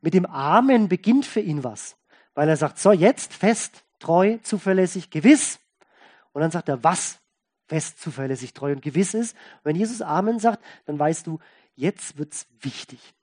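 A pastor preaching a sermon in a folksy, conversational way, stressing and repeating key words and swinging between loud and soft. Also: medium pitch, lively intonation, normal speed.

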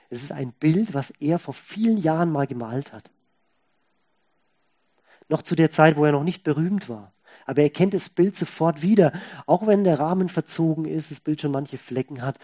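A man preaching a sermon, moving between quiet asides and loud, emphatic lines and acting out the voices he quotes. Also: a little high, husky, muffled recording.

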